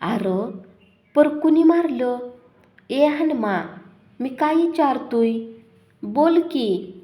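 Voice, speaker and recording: A woman voicing a sly, self-important village headman who blusters loudly. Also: sits high, expressive, extremely slow, pitched above the performer's own voice, full character voice. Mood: blustering. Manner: loud, blustering.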